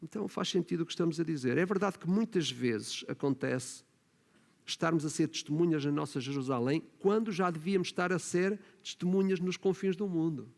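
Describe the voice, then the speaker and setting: A gravelly, darkish voice on the high side moves briskly as a pastor with a European Portuguese accent preaches. He keeps adding tag questions and building to emphatic points, recorded with a church hall's long reverb.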